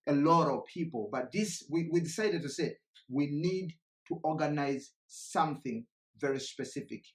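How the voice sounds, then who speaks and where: A man from Uganda giving an energetic motivational presentation live from a remote location, often repeating and restarting his words. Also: medium pitch, roomy sound.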